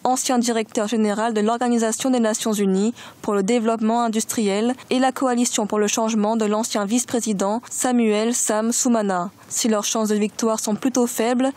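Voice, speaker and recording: Woman doing a news report voice-over, slightly high voice, steady and clear. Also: normal speed, hardly any pauses, no room sound. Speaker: news correspondent.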